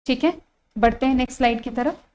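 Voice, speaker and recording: A woman with an Indian accent teaching an online English grammar lesson, repeating key phrases and spelling words out slowly. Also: sits high, steady tone, darkish tone, a little hiss or hum, low-quality recording.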